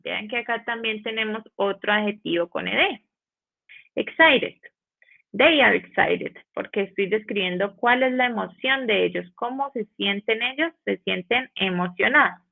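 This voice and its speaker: A woman teaching an online English grammar lesson in Spanish with a Colombian accent, slowing down to model English phrases and asking the class rhetorical questions. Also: mid-range voice, gravelly. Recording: phone-like narrow band.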